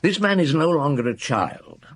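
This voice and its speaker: An actor playing a middle-aged chief inspector in a radio drama, methodical and thoughtful, laying things out in a measured, deliberate way. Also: male voice, fairly high pitch, big pitch swings, breathy edge. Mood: pondering, probing. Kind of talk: naturalistic radio drama acting.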